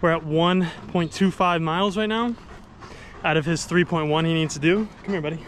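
A man's voice: on the high side, normal speed, fairly bright tone, a little hiss or hum. A man casually vlogging outdoors while running with his dogs, chatty and upbeat. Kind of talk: casual vlog narration. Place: outdoors on runs and in a yard.

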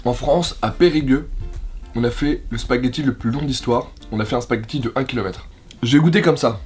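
A man's voice: medium pitch, a little fast, darkish tone, breathy edge, faint music behind. Joking man hosting a food vlog. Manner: joking, teasing his cameraman. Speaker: food vlogger host. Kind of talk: casual vlog chat.

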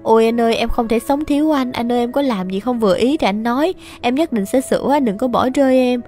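Sweet, lovestruck young woman, the younger sister; sugary and a bit high, read by a woman. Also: fast, warm tone, soft background music, lightly acted. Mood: pleading.

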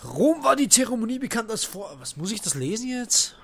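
A man commentating a horror game as he plays, swearing and shouting at enemies. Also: sits high, big pitch swings, fairly quick, breathy edge. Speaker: let's play gamer.

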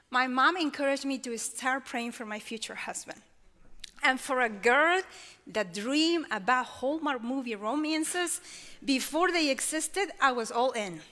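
A woman in her forties from Peru, speaking English with a Peruvian Spanish accent, giving an expressive personal testimony on an auditorium stage. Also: high voice. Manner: expressive, gestures while speaking. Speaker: chapel speaker. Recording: long reverb of a large hall.

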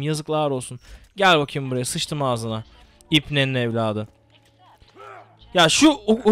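A young man giving casual, excitable gameplay commentary, swearing and repeating words rapidly. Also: fairly high pitch, smooth, no room sound.

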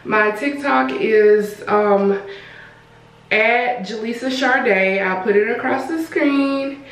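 A woman's voice: fairly high pitch, slow. A young woman in her twenties chatting casually to the camera at home for her vlog. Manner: relaxed, chatty, talking straight to camera. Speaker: vlogger. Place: bedroom at home, indoors.

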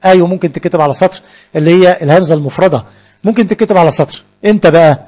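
Man, Egyptian Arabic accent, brisk grammar lesson, higher voice, asks and answers himself. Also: darkish tone. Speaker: Arabic teacher.

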